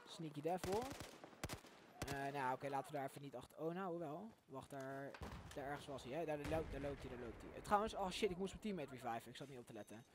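A young man with a somewhat high-pitched voice talks his way through a shooter match, chatty and easily excited. Clear gunfire and game noise sit right behind his voice. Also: fast talker. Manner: chatty, excitable, swears in English when surprised. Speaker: gaming channel host. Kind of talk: casual gameplay commentary.

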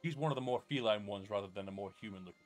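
A man's voice: on the low side, rapid-fire, soft background music. A man giving casual, sweary live gameplay commentary into a close mic. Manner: sweary, informal. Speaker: game streamer. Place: small indoor gaming room with game audio.

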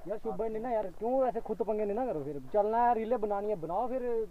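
Fast, scolding man, tinny sound. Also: sits high, slight background noise. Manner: reproachful, scolding. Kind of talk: complaining in an argument.

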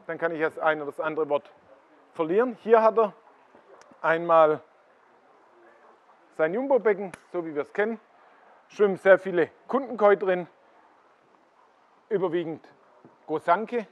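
A man's voice: high voice, unhurried, long pauses. A middle-aged man with a slightly raised voice talks his way through a greenhouse full of koi ponds. He keeps steering the listener toward one fish after another and explains what makes each one good. The sound is a bit dull and lo-fi. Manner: explanatory, pointing viewers to fish. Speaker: koi dealer giving a farm tour. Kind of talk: walking tour commentary.

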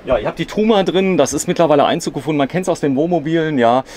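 At a busy indoor trade fair, a male reporter chats with someone inside a caravan while crowd noise carries clearly in the background. He speaks fast in an expressive, somewhat high voice with a darkish tone. The interview is casual and peppered with short tag questions.

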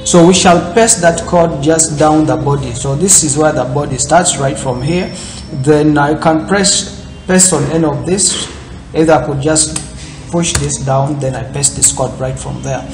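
Unhurried and slightly high, a man's voice carries through an echoey room with music in the background. He's hosting a screen-recorded tech tutorial from indoors, visible in a corner webcam, and his step-by-step explanation is rambling, repetitive and filled with fillers.

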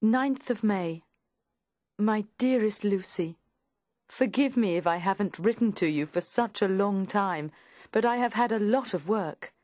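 A woman voicing an affectionate young woman who reads out a letter to her friend in a measured way. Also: medium pitch, darkish tone, dry recording, studio quality.

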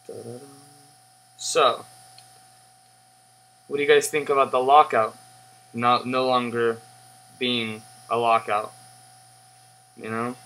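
Bright-voiced young man, halting casual chat. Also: medium pitch, flat delivery. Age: young adult. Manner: halting, rambling, trailing off. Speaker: pipe tobacco reviewer. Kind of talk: casual unscripted review chat. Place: living room indoors. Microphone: webcam at desk distance. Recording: humming, noisy webcam audio.

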